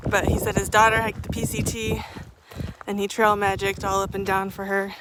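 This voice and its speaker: A thru-hiker vlogger, a young woman, rambles emotionally to a handheld camera as she walks outdoors on a trail, laughing occasionally. Her mid-range voice is monotone and a bit bright at a moderate pace, with a slight hiss or hum.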